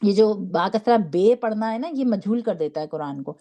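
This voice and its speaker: A woman teaching a Quran recitation class, patiently drilling syllables slowly and checking in with her students. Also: medium pitch, animated, mellow. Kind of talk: online class lesson.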